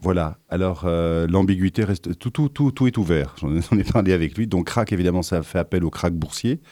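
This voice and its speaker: A man speaking as a radio guest in a very low, dark voice. He talks articulately and with enthusiasm, dropping fillers along the way. The studio sound is dry and close. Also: a little fast, dry recording. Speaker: radio guest, university theatre organiser. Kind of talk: radio interview.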